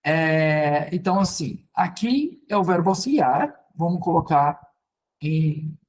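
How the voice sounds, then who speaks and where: A Brazilian man teaching English grammar in Portuguese, explaining step by step in a relaxed, conversational way and often checking in with "ok, gente". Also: fairly high pitch, takes it slowly, a little hiss or hum. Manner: conversational, repeats "ok, gente" and "então". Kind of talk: casual spoken lesson at a board.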